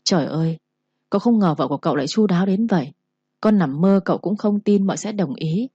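A woman's voice: on the low side, expressive, fairly quick, mellow, husky, no echo, highs cut off. A woman narrating a story aloud and reading every character's lines in her own voice.

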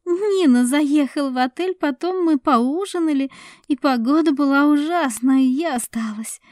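A woman voicing an anxious young woman who talks fast and nervously, in a raised voice. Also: high voice, darkish tone, no room sound, voice pushed up, natural voice.

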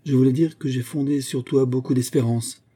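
A man's voice: medium pitch, steady tone, moderate pace, warm tone, breathy edge, voice pushed up, natural voice. A man voicing an irascible old Italian singing master who scolds and lectures his pupil. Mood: pleading. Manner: exasperated, scolding.

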